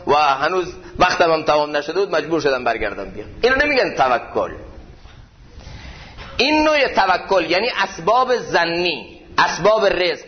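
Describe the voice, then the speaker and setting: A man with a somewhat high voice gives a mosque sermon, moving between lively stories and slow, weighty emphasis. The recording sounds dull and lo-fi. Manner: storytelling, slows down to stress points. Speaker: preacher teaching classical poetry.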